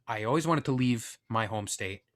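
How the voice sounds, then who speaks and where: A man's voice: mid-range voice, normal speed, fairly bright tone. Candid, rambling young man telling a story. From Northeastern US. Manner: candid, self-deprecating, rambling with asides. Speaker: podcast storyteller. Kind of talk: casual personal storytelling.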